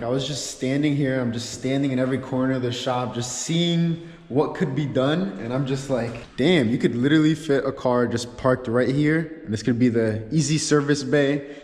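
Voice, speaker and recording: A man hosting a casual car vlog, talking in an excited, rambling, slangy way, his voice echoing in a large empty workshop. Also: medium pitch. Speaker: YouTube car-channel host. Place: large, echoey indoor garage workshop. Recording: very echoey, reverberant empty workshop.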